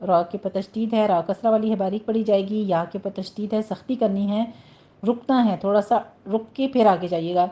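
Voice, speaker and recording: A woman teaching Quran recitation rules, explaining each word, then reciting it slowly and carefully. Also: medium pitch, dark tone, highs cut off. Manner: instructive, drawn-out recitation of single words.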